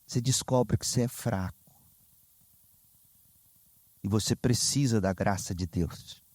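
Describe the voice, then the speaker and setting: A Brazilian man preaching a sermon as pastor, telling stories with lively, sudden high exclamations. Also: a little slow, no echo. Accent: Brazilian Portuguese. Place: church sanctuary.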